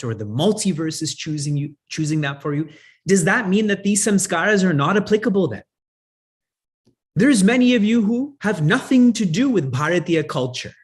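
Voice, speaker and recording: A man teaching a spiritual discourse poses questions to his audience, answers them himself and chuckles often as he talks. A native English speaker, he has a fairly high, slightly rough voice.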